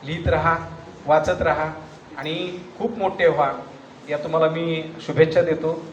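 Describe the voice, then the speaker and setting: Guest speaker: man, high voice, lively storyteller, echoey hall PA. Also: unhurried, lo-fi sound. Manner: animated, humorous storytelling that turns solemn and hushed for the poem. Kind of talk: stage speech with storytelling and poetry recitation. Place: college hall or auditorium stage. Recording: echoey hall, faint background noise.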